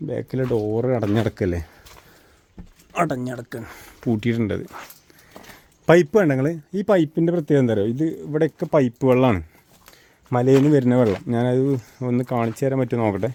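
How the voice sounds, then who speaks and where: Male Malayali vlogger, mid-pitched, chatty walk-and-talk tour delivery peppered with English slang, recorded outside with clear background noise. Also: fairly quick, pauses often, mellow. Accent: Kerala Malayalam. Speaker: vlogger giving a walking tour. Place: outdoors in hilly countryside.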